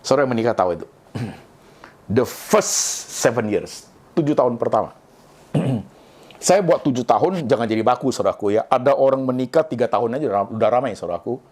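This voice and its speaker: Middle-aged male pastor from Indonesia, lively preaching, swings his pitch widely. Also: fairly quick. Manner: lively preaching, often addresses listeners as brothers and sisters; mixes English phrases into speech. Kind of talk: sermon.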